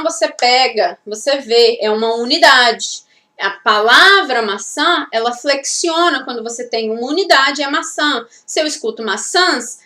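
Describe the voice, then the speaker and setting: A woman's voice: high voice, bright, forceful tone, far from the mic. A woman English teacher from Brazil giving a step-by-step grammar lesson, often stopping to check that listeners follow. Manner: explains step by step, with frequent checking tags. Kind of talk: classroom-style grammar lesson. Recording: echoey room, voice from off the mic.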